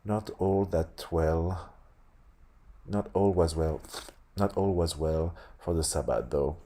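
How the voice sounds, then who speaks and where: Man, very low husky voice, slushy lisped s, halting read-aloud, frequent self-corrections. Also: mellow. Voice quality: lisp on s sounds. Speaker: host reading a tabletop game sourcebook aloud. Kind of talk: reading aloud with casual asides.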